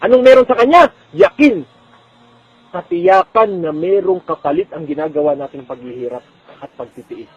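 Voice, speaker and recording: A man preaching an emotional storytelling sermon, impassioned, swinging from loud outbursts to hushed low lines. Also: expressive, normal speed, husky, no room sound, lo-fi sound.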